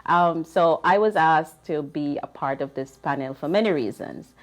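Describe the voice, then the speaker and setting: A woman's voice: low voice, normal speed. A Jamaican woman speaking as a panelist in casual talk, with frequent ums.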